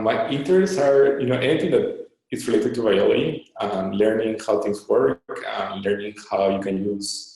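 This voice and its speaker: A man's voice: on the low side, creaky, mellow. A man in his thirties from Peru, a startup co-founder answering interview questions with lots of fillers and restarts. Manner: halting, many fillers and restarts. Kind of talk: online Q&A interview. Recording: very echoey room.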